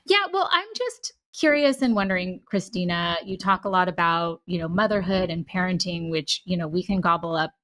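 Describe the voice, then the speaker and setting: A woman's voice: lowish voice, expressive, normal speed, hardly any pauses, a bit bright. A woman co-hosting a podcast, asking rambling, curious questions full of fillers. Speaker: podcast co-host. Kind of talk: conversational interview.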